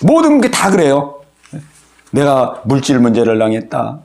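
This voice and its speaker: A man's voice: medium pitch, wildly swooping pitch, a little slow, vocal fry, a little mellow. A male pastor preaching an evening sermon. He acts out worried inner voices and heartfelt prayers, and calls on church members by name to ask for their amens. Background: congregation answering amen.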